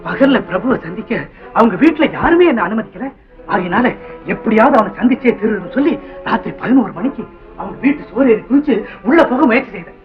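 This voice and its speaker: A man's voice: very high voice, lively intonation, brisk. An actor playing an earnest young son who pleads with his father, in a 1960s film melodrama, on a dull old soundtrack with faint music. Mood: urgent.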